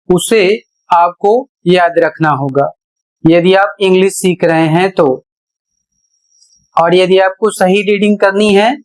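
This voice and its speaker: A male teacher walks through an English pronunciation lesson at a very unhurried pace. He spells each word out letter by letter before saying it, then explains the rule patiently. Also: high-pitched.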